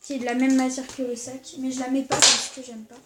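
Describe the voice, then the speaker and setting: A woman vlogger chatting casually to camera, excitable and gushing, with lots of fillers. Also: sits high, quick pace. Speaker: vlogger showing Christmas presents. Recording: noisy background hiss.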